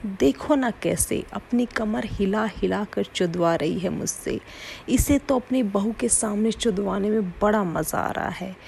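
A woman reading the lines of a bragging older uncle in a soft, low-key way. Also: gravelly, a little hiss or hum. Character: lustful older man, a maternal uncle, boastful.

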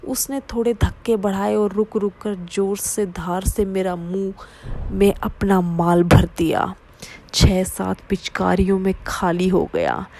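A woman reading a first-person story aloud in a steady, low-key way. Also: creaky. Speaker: narrator.

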